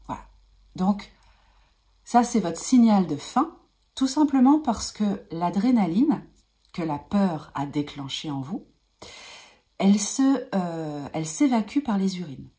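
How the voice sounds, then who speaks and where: A woman energy healer talking to her viewers in a gentle, soothing way, repeating calming phrases like a mantra, with frequent hesitations and at times a soft whisper. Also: mid-range voice, slow pace, pauses often. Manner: hesitant, many fillers and restarts. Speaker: energy healer giving advice. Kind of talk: advice vlog talking to viewers.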